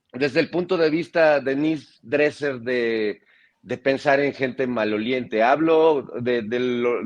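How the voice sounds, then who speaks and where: Man, panel guest, mid pitch, reflective, restarts his words. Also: dull audio. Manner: reflective, talks in metaphors, many restarts. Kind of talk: political panel discussion.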